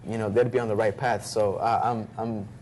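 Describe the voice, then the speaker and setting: A man's voice: fairly low pitch, flat delivery, fairly quick, darkish tone, slight background noise, rough recording. A young man giving a casual interview as a musician guest, earnest and polite. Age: young adult. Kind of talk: casual talk show interview.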